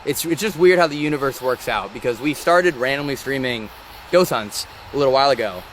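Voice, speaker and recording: A man hosting a live-stream vlog outdoors, talking in an excitable, rambling and emotional way. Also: mid-range voice, brisk, slight background noise. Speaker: ghost-hunting channel host. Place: outdoors by a rock wall during a thunderstorm. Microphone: phone or camera on a live stream.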